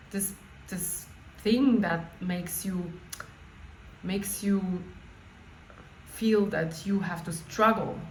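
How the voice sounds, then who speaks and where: A woman coach leading an informal guided meditation, speaking off the cuff in a halting way and often rephrasing herself. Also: mid-range voice. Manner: halting, spontaneous, with repeated words and rephrasing. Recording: echoey room with faint background noise.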